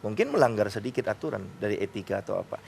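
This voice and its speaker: A man speaking as a guest on a television talk show, slow and deliberate, repeating words for emphasis. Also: on the low side, very animated, creaky, darkish tone, slight background noise.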